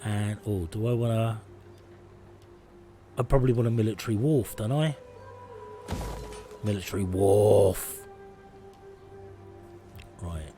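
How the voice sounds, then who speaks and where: A man's voice: lowish voice, normal speed, pauses often, dark tone, faint music behind. A man in his forties streaming a strategy game, rambling and self-deprecating while reading the on-screen text aloud. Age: 40s. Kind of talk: casual gameplay commentary. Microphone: phone camera.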